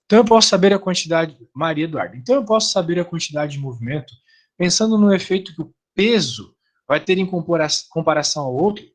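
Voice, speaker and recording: A man's voice: on the high side, expressive, quick pace. A middle-aged Brazilian man teaching an online physics class, chatty, asking his students rhetorical questions.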